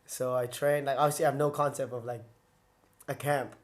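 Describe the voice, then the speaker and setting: On an interview podcast, a young man recalls his first fighting years in a brisk, medium-pitched voice with fairly level intonation. His casual account drifts into tangents, leans heavily on "like," and often doubles back to amend itself.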